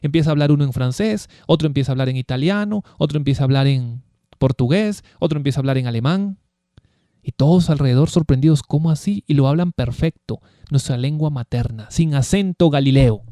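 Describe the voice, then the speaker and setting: Emphatic man preaching, somewhat high voice. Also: fairly quick, warm tone, dry recording, studio quality. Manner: emphatic, asks rhetorical questions. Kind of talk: Bible teaching sermon.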